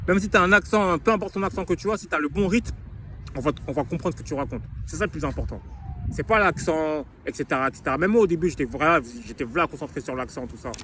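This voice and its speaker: A man's voice: a little high, fast talker, sharp tone, rough recording. A young man from France casually talking in a vlog, rambling with street slang and lots of restarts, recorded outdoors in wind. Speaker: vlogger sharing English-learning tips.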